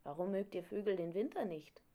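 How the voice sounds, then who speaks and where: A curious king from hot desert lands, eager and full of wonder at everything new. A woman voices him while reading a storybook aloud. He speaks with lively, wide-eyed eagerness. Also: medium pitch, a little fast, close to an everyday voice.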